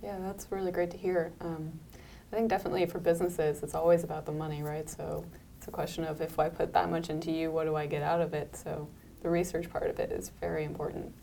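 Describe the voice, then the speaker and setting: A woman's voice: deep voice, flat delivery, quick pace, mellow. A woman conducting a conversational interview as the interviewer. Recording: clear background noise.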